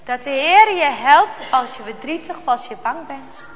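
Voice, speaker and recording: A woman reading a children's Bible story aloud in a dramatic, slow storytelling manner, dropping to a hush at tense moments. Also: high-pitched, lively intonation, long reverb tail, a little hiss or hum.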